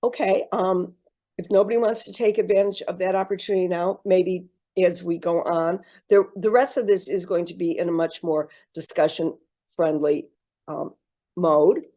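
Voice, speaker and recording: This program presenter, a woman, guides a video-call workshop with a low-leaning, steady, warm and mellow voice. She keeps an encouraging, measured rhythm, though she often stops on "um" and begins phrases again.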